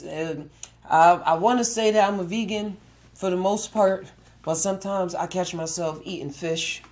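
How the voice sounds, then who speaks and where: His voice sits high with a slightly mellow quality as he, a twenty-something podcast host, rambles on his own casual show. Chuckles come often, and he keeps restarting what he's saying.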